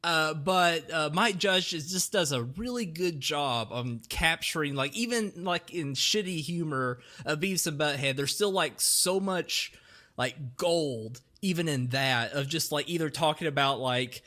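A man's voice: a little high, measured pace, sharp tone. A young man hosting a casual podcast, rambling with lots of fillers and laughing often. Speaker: podcast host. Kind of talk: casual chat.

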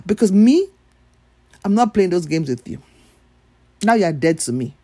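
A woman's voice: on the low side, very animated, unhurried, warm tone, dry recording. A woman from Nigeria giving a blunt, emphatic opinion monologue with free swearing.

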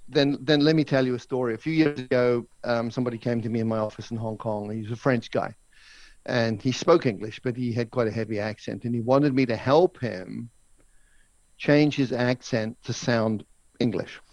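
A man's voice: medium pitch, steady tone, moderate pace, a little mellow, no echo. Man telling a story over a dull, dry line. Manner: anecdotal, explanatory, says "so, so" and "right?". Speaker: interview guest, language educator. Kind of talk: storytelling in conversation. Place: office in Hong Kong.

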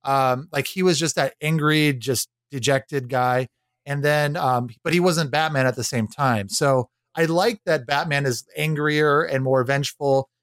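A man's voice: on the high side, unhurried, fairly bright tone, no room sound, clean studio sound. A man co-hosting a casual podcast chat about movies, enthusiastic and acting out quotes from scenes. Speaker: podcast co-host.

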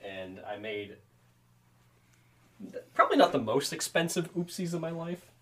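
A man's voice: on the high side, very animated, normal speed, pushed and bright. A man, co-hosting a casual podcast chat, joking and laughing often. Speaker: podcast co-host.

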